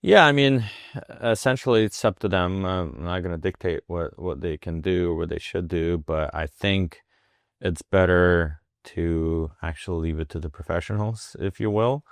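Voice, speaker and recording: A Russian wound care physician in his forties speaks as an interview guest with a very low voice, his phrasing halting and full of fillers and restarts. The recording is dry and close-miked, with no room sound.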